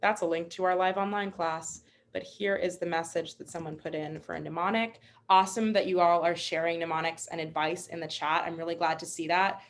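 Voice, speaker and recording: A woman's voice: on the low side, fairly even intonation, fairly quick, few pauses. A young woman instructor teaching a live online webinar, upbeat and encouraging, chatty with fillers. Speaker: MCAT instructor.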